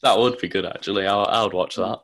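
A man's voice: fairly low pitch, fairly even intonation, quick pace, creaky, fairly bright tone. A young man, hosting a podcast in casual, rambling chat. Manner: friendly, easily laughing, rambling. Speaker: podcast host.

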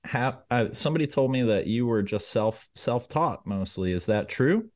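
A man co-hosting a podcast, asking questions in a relaxed, encouraging way. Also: mid-range voice, moderate pace. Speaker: podcast co-host. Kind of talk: casual podcast chat.

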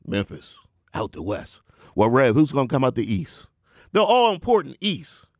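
A man talks sports and faith in one breath, hyping himself in the third person like a preacher. His voice drops into a low drawl and then jumps into high, excited bursts. The sound is dry and close, with no room echo. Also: normal speed. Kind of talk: sports talk mixed with sermon.

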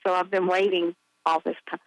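A woman's voice: fairly low pitch, flat delivery, fairly quick, a crowd in the background. A woman phoning in to a radio show and chatting eagerly and in a friendly way with the host. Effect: caller heard over a phone line on a radio show. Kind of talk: casual call-in chat.

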